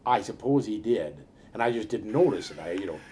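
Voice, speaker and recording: This elderly speaker, who grew up in a Norwegian-speaking farming household in the upper Midwest, recalls the past in a rambling, hesitant way, leaning on many fillers during an oral history interview. His mellow voice sits on the low side with lively intonation, and there's a bit of hiss or hum.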